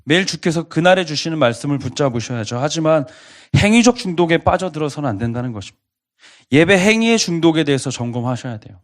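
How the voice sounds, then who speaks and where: A man pastor preaching a sermon to a college congregation, earnestly asking them repeated questions. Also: on the high side.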